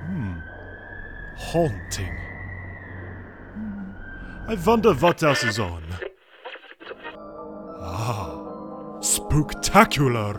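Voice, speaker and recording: A man's voice: medium pitch, very animated, very slow, pauses often, music in the background. A man voicing a grumpy male Prince of Darkness, a fussy radio listener who mutters and grumbles theatrically. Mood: musing.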